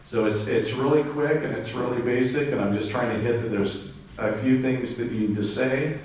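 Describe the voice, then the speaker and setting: A man with a mid-range voice speaks at a moderate pace in an informal club presentation, walking through steps, spelling call signs with radio phonetics, and leaning on fillers. He's in a club meeting room. The recording has heavy echo, a distant mic, and faint noise.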